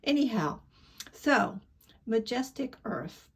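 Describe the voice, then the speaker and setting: A woman vlogging about tarot in casual chat, candid and rambling, trailing off into soft asides. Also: a little high, big pitch swings, takes it slowly, creaky, slightly rough.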